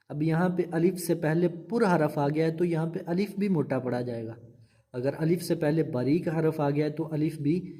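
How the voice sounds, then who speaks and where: A man's voice: a little high, dark tone. A man teaching Quran reading, patiently repeating rules and drawing out each syllable. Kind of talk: slow instructional recitation lesson.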